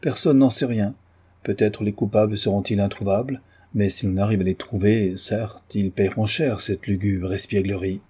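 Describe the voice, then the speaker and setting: A man reading an audiobook, voicing a grave older general who recounts events in a measured, solemn way. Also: fairly low pitch, steady tone, warm tone, husky.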